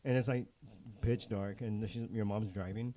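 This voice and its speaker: A man's voice: fairly even intonation, moderate pace, dark tone. Joking young man with mid voice. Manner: joking, drops to low mumbles when quoting, swears freely. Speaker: podcast co-host. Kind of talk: casual chat.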